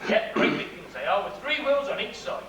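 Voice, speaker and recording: A man's voice: very high voice, very animated, fairly quick. A man playing a chatty railway porter on a stage. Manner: homely, folksy, a bit teasing. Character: friendly older male railway porter, chatty. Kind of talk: amateur stage play. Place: theatre stage. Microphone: distant audience recording. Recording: echoey hall from far off, noisy.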